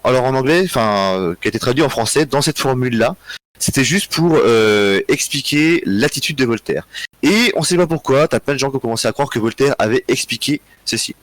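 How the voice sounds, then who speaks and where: A tired man hosting a live history quiz, reading out chat answers in a relaxed, joking way with frequent chuckles. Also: mid-range voice, no room sound. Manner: relaxed, joking, chuckles often, thinks aloud. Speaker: quiz host.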